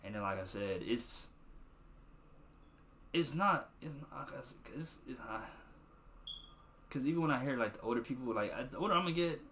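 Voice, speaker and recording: A young man in his twenties hosts a solo podcast in casual commentary, his voice in the middle of the usual male range. He rambles, restarts his sentences and leans on slang, then breaks into animated bursts. A faint hiss sits under the recording. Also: mid-range voice, moderate pace, pauses often. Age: 20s. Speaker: podcast host.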